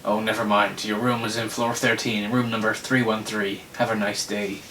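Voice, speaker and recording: A smug hotel receptionist drawls slowly with a slight Irish twang, as a man reads him out. His low voice echoes in a roomy space over a faint rumble. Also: flat delivery, bright, forceful tone, far from the mic. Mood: sly.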